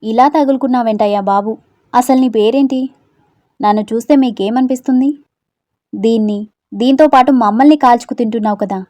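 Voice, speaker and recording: A woman voicing a group of anxious young female friends who call out loudly and fret. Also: a little high, brisk, pauses often, no echo, lightly acted. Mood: fretful, loud. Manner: loud, fretful.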